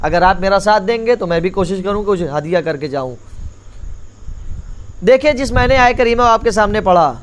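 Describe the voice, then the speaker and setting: A man delivering a Muharram majlis sermon. He repeats his key lines and keeps calling the audience back to attention. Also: lively intonation. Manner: rises in pitch and force as the sermon builds. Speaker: maulana giving a majlis address.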